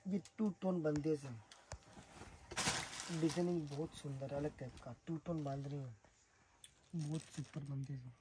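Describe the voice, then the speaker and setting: A man from Rajasthan, giving an emphatic, repetitive sales pitch for the sarees he makes. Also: fairly even intonation, a little slow, pauses often, heavy background noise. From Rajasthan, India. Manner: emphatic, repetitive praise of the goods. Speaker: saree seller and manufacturer. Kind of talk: sales pitch showing products.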